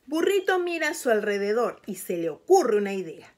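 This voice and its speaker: A woman reading a picture book aloud to children, gently asking the young listener questions. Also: on the high side, big pitch swings, fairly quick. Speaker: storyteller.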